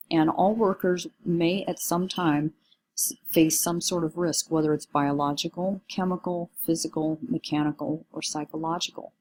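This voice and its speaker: A woman teaching a recorded class while fighting a cold, her voice husky and strained with a squeaky catch. She sits a touch low in pitch with a gravelly fry at the ends of phrases. Her delivery is conversational and reflective, with the odd um. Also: a little mellow, rough recording. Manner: conversational, reflective, with frequent ums. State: hoarse from a cold. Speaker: college instructor. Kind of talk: recorded lecture.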